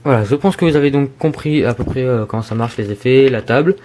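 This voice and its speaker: A man's voice: mid-range voice, quick pace, a little mellow, a little hiss or hum, poor audio. Hesitant man demoing a mixer. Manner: hesitant, many filler sounds. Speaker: YouTuber demonstrating a mixing desk. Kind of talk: casual product demonstration. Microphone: desk microphone plugged into the mixer.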